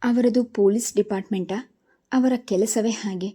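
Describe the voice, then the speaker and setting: Woman narrator playing a direct, cheerful lady doctor, dark mellow voice, storybook. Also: mid-range voice, steady tone, moderate pace, husky, lightly acted. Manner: warm, direct.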